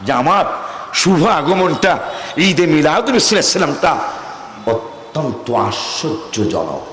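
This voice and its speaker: A man from Faridpur in Bangladesh preaching an open-air sermon to a crowd. He swings between hushed talk and loud shouted exhortation, chanting Arabic verses and calling for responses. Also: a little high, expressive, fast, echoey room, music in the background. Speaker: Islamic preacher. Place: outdoor field gathering before a crowd.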